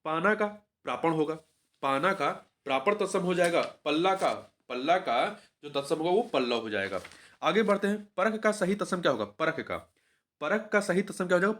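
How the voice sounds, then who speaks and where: A man with a fairly high voice teaches in a steady exam-prep walkthrough. He goes through each answer, says it twice, and keeps putting questions back to the listener. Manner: repeats each answer, quizzing the viewer.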